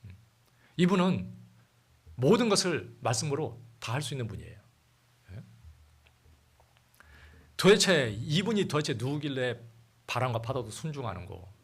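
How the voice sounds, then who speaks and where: A male pastor preaches to his church in a casual, conversational way. He tosses questions to the congregation and reads scripture aloud between his points. His voice has a husky, breathy edge at an ordinary middle pitch. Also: big pitch swings, moderate pace, pauses often. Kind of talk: sermon.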